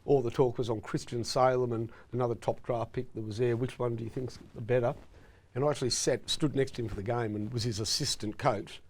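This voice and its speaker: A man's voice: mid-range voice, steady tone, a little fast, darkish tone. Aussie guy mid-aged, opinionated sports chat, tells stories emphatically. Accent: Australian. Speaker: co-host.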